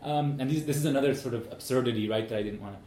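A man's voice: mid-range voice, racing, mellow. A man giving an informal academic talk, telling anecdotes conversationally and often checking in with the listeners. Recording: echoey room with faint noise.

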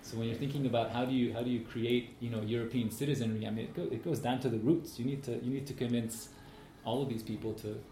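A man with a mid-pitched voice gives an informal talk in an echoey room with faint noise. He is conversational and anecdotal, with frequent tag questions to check he is followed. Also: fairly even intonation, fast, mellow. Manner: conversational, checks in often with "right?". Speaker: speaker giving a talk.

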